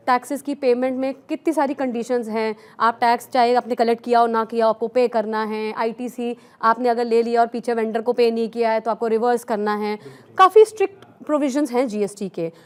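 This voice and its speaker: A woman speaking as a tax expert on a news panel, explaining in a steady, explanatory way and mixing English terms into her talk. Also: fairly high pitch, a little fast, hardly any pauses.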